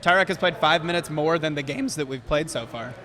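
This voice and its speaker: A man hosting a sports podcast in a casual, jokey, chatty way, with quick back-and-forth banter. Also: on the high side, a crowd in the background. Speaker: podcast host.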